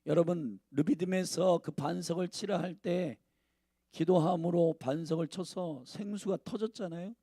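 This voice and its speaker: Gravelly-voiced pastor preaching. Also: male voice, sits high, normal speed, warm tone, no room sound, studio quality. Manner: emphatic, addresses the congregation directly. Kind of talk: sermon.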